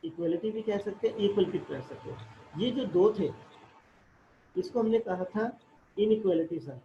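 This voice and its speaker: A man's voice: sits high, normal speed, mellow. A man teaching a math class, explaining step by step and asking and answering his own questions. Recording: echoey room, dull lo-fi audio, faint noise.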